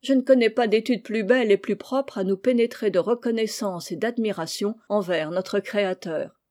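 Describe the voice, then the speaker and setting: A woman reading the lines of a calm, patient male doctor who teaches his niece, in an audiobook. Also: medium pitch, moderate pace, lightly acted. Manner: calm, didactic.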